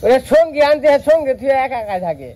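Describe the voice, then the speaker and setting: A woman's voice: sits high, very animated, quick pace, warm tone. A woman chatting casually in a village vlog, calling animals and teasing children in a coaxing way. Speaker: vlogger.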